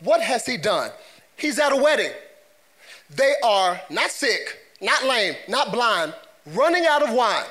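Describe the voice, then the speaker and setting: A man with a very high, bright voice preaches with lively swings of pitch and a playful, theatrical manner. He acts out quick voices and climbs into shouted peaks. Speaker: pastor. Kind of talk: sermon. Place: church auditorium.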